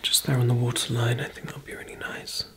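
A woman in her thirties performing a fast whispered role-play as a brisk, chatty makeup artist, murmuring softly close to the microphone. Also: very deep voice, flat delivery. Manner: fast, breathy ASMR whispering and soft murmuring. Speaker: ASMR performer.

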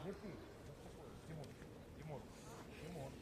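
A man coaching a youth football team, calling short commands to his players from the sideline. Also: a little slow. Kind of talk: coaching shouts from the touchline. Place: outdoor football pitch. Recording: noisy crowd at an outdoor pitch. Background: crowd of parents and players.

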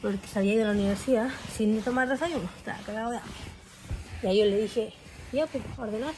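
A woman's voice: medium pitch, steady tone, fast talker, darkish tone, slight background noise. A young woman with a Chilean accent, chatting casually in a vlog and telling rambling, slang-filled stories while cleaning at home. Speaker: vlogger.

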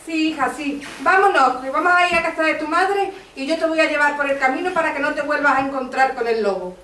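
A woman's voice: high-pitched, brisk, pushed and bright. A woman playing a frail, sickly old grandmother. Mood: tender. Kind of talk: amateur school stage play. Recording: echoey hall from far off, with noise.

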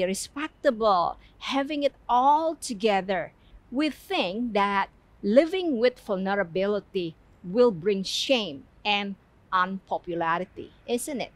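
Slow, earnest woman teaching Bible study. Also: on the high side. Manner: slow, earnest, asks the listener questions.

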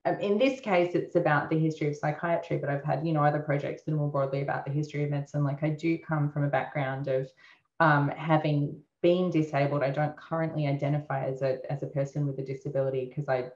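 A woman's voice: low-pitched, steady tone, fast, a little mellow, reverberant, lo-fi sound. A woman artist talking through her work in a thoughtful, hesitant way, with many fillers. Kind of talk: casual conversation.

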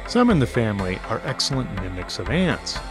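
A man's voice: medium pitch, wildly swooping pitch, fairly quick, music in the background. A man narrating a scripted nature documentary with an informal, wryly playful manner.

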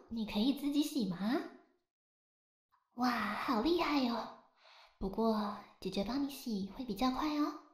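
Gentle high-voiced woman, echoey ASMR. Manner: soft, gentle, coaxing, like a big sister. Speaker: ASMR roleplayer. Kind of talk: ASMR roleplay. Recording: echoey, roomy sound.

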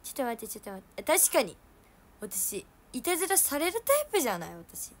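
A young woman with a Hiroshima dialect, hosting a casual livestream and chatting with viewers from home. She laughs at herself and gets loud when she acts out what people said. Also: on the high side, very animated, quick pace. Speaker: idol livestream host.

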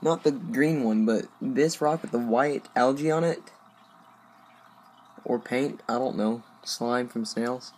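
Here an aquarium vlogger talks at home beside his tank, his mid-range voice slow and darkish. He's a young man rambling to viewers, full of fillers and side comments, and his voice sounds slightly loose.

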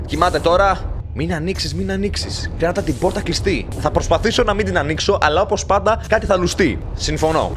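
A man giving excitable let's play commentary, teasing the game characters and yelping when things go wrong. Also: mid-range voice. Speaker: gaming YouTuber.

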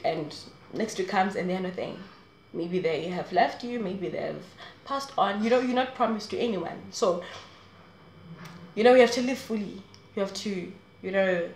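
In a small indoor room, a vlogger in her twenties talks straight to camera, rambling casually through advice and laughing often. Her voice is on the low side, and the rough recording has an echoey room and a little hiss or hum.

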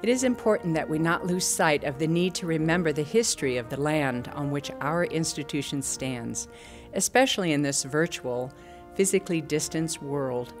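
Low-voiced woman giving a formal address. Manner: measured, formal delivery. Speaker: university provost. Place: stage with curtains, indoors.

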